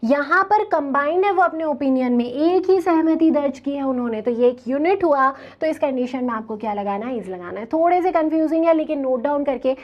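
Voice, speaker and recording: A woman teaching an English grammar lesson, explaining slowly and asking her students questions as she goes. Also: high-pitched, expressive, muffled recording. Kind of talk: classroom grammar lecture.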